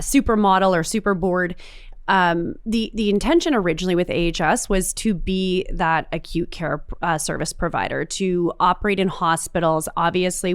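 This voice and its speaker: A woman co-hosts a political podcast in a casual, chatty way, hedging as she goes. Her smooth voice sits a little low. She is recorded close and dry. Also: no echo. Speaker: podcast co-host.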